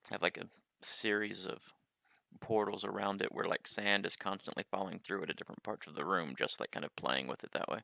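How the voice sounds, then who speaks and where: A man's voice: low voice, steady tone, fairly quick, creaky, sharp tone. A man playing a tabletop game, talking in a rambling, tentative way. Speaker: player. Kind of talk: casual tabletop role-play.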